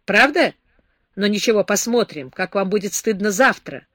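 Brief: woman doing a stern, mocking grown man, sharp and lecturing, loud and dry. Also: mid-range voice, expressive, normal speed, no room sound. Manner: harsh, sarcastic, lecturing. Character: stern scornful man scolding a drunk girl.

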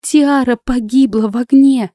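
A woman's voice: mid-range voice, expressive, quick pace, dark tone, no echo, studio quality, voice pushed up, lightly acted. A woman voicing a desperate, defiant young captive who cries out and pleads in an audiobook. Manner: crying out, pleading.

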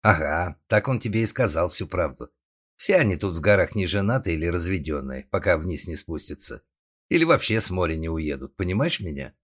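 A man's voice: sits low, expressive, a little fast, fairly bright tone. A man voicing a stern, protective young woman in an audiobook, speaking sarcastically and scolding her friend. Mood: sarcastic.

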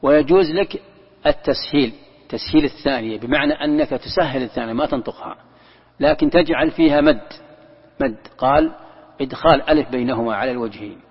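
A man's voice: medium pitch, fast, slightly rough. A man, a sheikh giving a Quran commentary lesson, who explains step by step, repeating key words and demonstrating how a verse is recited. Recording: dull lo-fi recording in a long-echoing hall.

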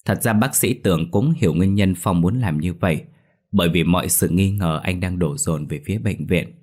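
Deep-voiced man narrating a ghost story. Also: moderate pace, darkish tone.

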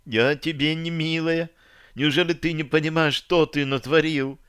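A man's voice: medium pitch, level tone, measured pace, fairly bright tone, clean tone, dry recording, clean studio sound, lightly acted. A man reading an audiobook voices a frightened young woman who turns angry.

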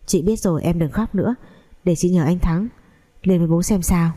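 A woman's voice: lowish voice, normal speed, mellow, lightly acted. A woman voicing a worried young woman, an older sister who talks in an anxious, pleading way.

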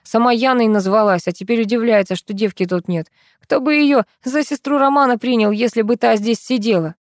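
A rude, gruff police chief, read by a woman narrator without much change of voice, blunt and insulting in every line. The sound is dry and close to the mic. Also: a little high, fairly quick, no room sound, lightly acted.

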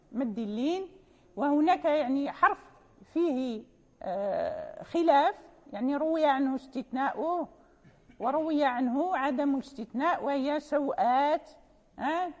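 A woman's voice: high voice, lively intonation, normal speed, muffled recording. A woman teaching a lecture on recitation rules, patiently explaining, repeating key terms and checking that her students follow. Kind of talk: classroom lecture. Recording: long hall reverb.

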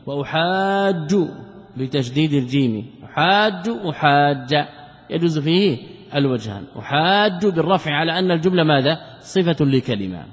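A man with a fairly high voice teaches as a sheikh, working through a classical text. He asks rhetorical questions, answers them himself, and repeats key terms to drive them home. The recording is muffled and lo-fi, with a long reverb trailing through a large hall. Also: lively intonation, fast talker. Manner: repeats key words for emphasis. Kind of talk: classical religious lesson commentary.

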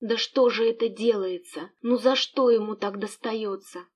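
A woman reading the part of a caring young gentlewoman who fusses and scolds her coachman. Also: medium pitch, moderate pace, breathy edge, natural voice. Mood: distraught. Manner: emotional, bossy toward servant.

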